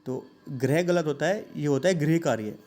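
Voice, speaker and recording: A man teaching a grammar lesson, saying each sound slowly and asking listeners to repeat it. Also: a little high, darkish tone, soft background music.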